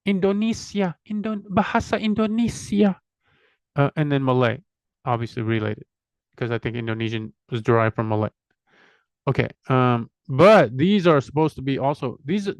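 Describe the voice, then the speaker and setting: A middle-aged man with a mid-range voice hosts a language channel, recorded with no room sound. Chatty and self-deprecating, he drifts off on tangents while going through items one after another.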